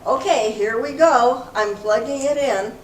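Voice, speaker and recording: Heard from a distance in a reverberant room with a little noise, a woman reads the part of a keen but easily rattled group leader for amateur readers theater. She delivers it earnestly and unhurriedly, in a natural voice pitched fairly high.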